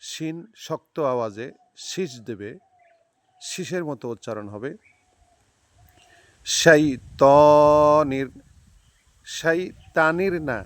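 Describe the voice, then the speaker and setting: A man teaching careful recitation, repeating each word slowly and drawing out the sounds between explanations. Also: mid-range voice, fairly bright tone, dry recording. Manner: slow, drawn-out model recitation between quick explanations. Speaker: religious teacher. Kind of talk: recitation lesson.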